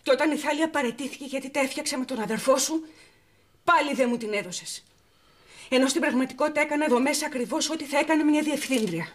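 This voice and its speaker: A woman plays a proud woman editor in a TV soap drama, standing her ground. Her voice sits high, and she speaks in a firm, self-justifying way. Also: lightly acted. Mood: defiant. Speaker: new magazine editor.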